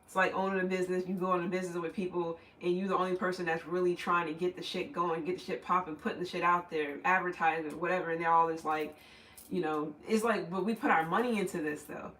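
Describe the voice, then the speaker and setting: A man's voice: high voice, flat delivery, quick pace, sharp tone, roomy sound, recorded from a distance, poor audio. A man giving a casual, rambling tarot reading, swearing freely and laughing often. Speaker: tarot reader.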